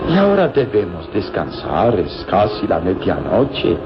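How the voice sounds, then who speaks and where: In a vintage radio serial, a man with a German accent plays a sly, courteous villain, smoothly deceitful and suave, using a formal, theatrical, insistent delivery full of dramatic pauses and a mysterious air. His low voice is exaggerated and swings hugely in pitch. The band-limited recording has its highs cut off, with loud music behind him.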